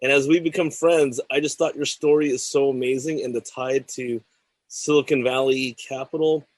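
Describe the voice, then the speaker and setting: A man's voice: medium pitch, steady tone, moderate pace, no echo, low-quality recording. Guy hosting a tech show, reads the news then chats, dry close sound. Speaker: talk show host. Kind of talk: scripted news segment and interview.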